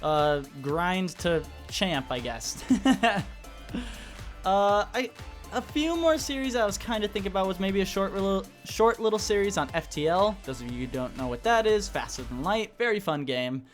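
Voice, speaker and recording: A man's voice: sits high, big pitch swings, normal speed. A young man hosting a gaming channel, giving a casual, rambling update with lots of restarts and fillers. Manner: rambling, self-correcting, laid-back. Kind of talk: casual update vlog over gameplay. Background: soft background music.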